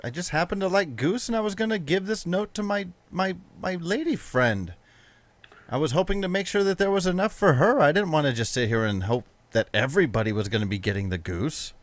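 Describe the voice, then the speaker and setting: Man putting on a higher-pitched, indignant manor servant. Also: expressive, brisk, no room sound, lightly acted. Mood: flustered, evasive. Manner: formal, affronted, protesting. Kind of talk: tabletop role-play.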